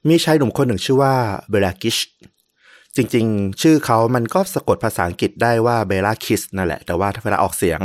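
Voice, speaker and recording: A man co-hosting a podcast, telling a historical story in a relaxed, chatty way with many fillers. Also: fairly low pitch, no echo.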